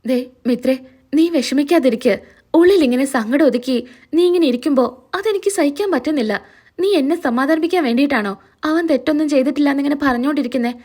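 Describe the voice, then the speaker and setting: Woman doing a caring big sister calming someone down, high voice. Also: a little fast, close to an everyday voice. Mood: consoling. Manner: soothing, consoling. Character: gentle older sister comforting a sibling.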